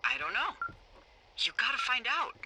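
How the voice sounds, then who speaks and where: An actress playing a playful, quick-witted fire lookout supervisor who talks over the radio in a video game. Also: female voice, a little high. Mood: teasing. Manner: teasing, animated. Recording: game audio over loud forest noise.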